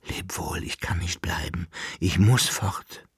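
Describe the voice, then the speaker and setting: A man voicing a female dream lover who speaks in an urgent, breathy whisper, a whispered role-play in a radio reading. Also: low-pitched, slow pace, dry recording, studio quality, full character voice. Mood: pleading. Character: whispering dream lover, a woman in a rosemary blossom.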